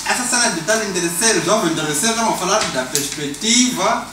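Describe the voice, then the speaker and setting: High-voiced young Mozambican man, echoey barbershop. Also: animated, quick pace. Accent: Mozambican Portuguese. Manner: reflective, mixes in English slang. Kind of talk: casual chat. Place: barbershop, indoors. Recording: echoey room from far off with noise.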